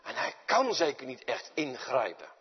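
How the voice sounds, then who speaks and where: Preacher with dramatic swings. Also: male voice, mid-range voice, wildly swooping pitch, normal speed, breathy edge. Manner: dramatic swings from loud to near-whispered. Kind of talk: sermon. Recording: dull sound with long reverb in a large hall.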